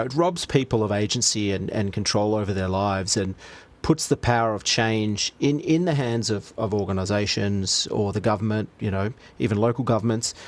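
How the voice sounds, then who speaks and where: Man asking a thoughtful interview question. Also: medium pitch. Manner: thoughtful questioning, with some restarts. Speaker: podcast host. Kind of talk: conversational interview.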